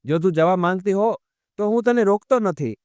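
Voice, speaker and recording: A man voicing a calm, patient husband who speaks in a soothing, explaining way. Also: sits high, brisk, clean tone, no room sound, close to an everyday voice.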